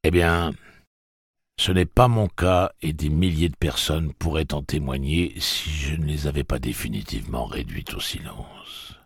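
A man's voice: very deep voice, creaky, fairly bright tone, breathy edge, no room sound, clean studio sound, heavily acted. A man reading an audiobook, voicing a sadistic male gang boss who sneers and makes mocking threats. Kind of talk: audiobook character voice.

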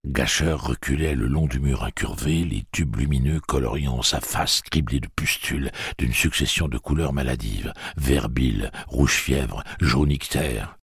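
Deep gravelly male narrator. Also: unhurried, a bit bright, dry recording, clean studio sound. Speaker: audiobook narrator. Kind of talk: scripted narration.

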